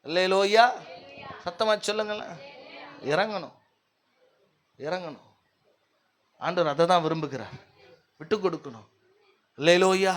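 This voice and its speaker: A man preaching as pastor at a church service who keeps calling for amens and hallelujahs, swinging between loud declarations and low, quiet asides. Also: measured pace, long pauses. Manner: calls often for amens and hallelujahs from the congregation; acts out stubborn people's words in the first person. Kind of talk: sermon.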